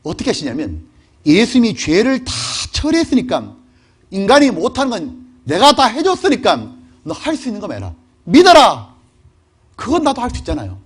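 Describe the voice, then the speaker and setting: A middle-aged male pastor giving a lively, conversational sermon and often putting questions to his congregation. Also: high-pitched, slightly rough.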